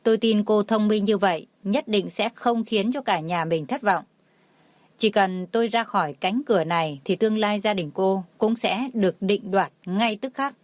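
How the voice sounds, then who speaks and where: A woman's voice: mid-range voice, moderate pace, no echo, lightly acted. A cold, haughty rich older woman from a storybook , read by a woman in her own voice speaks in curt, dismissive lines. The recording is close and dry.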